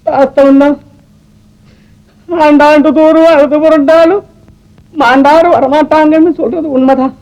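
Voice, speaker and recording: A grieving young doctor tells of his loss in a choked, tearful voice. The voice sits very high for a man, with theatrical 1950s film melodrama delivery. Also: steady tone, a little slow, long pauses, a little mellow, rough recording. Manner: emotional, theatrical storytelling.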